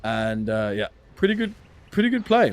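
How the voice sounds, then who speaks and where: A young man casting esports play-by-play, animated and quick to laugh. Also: lowish voice. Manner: animated, laughs often, rising excitement on plays. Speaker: esports caster.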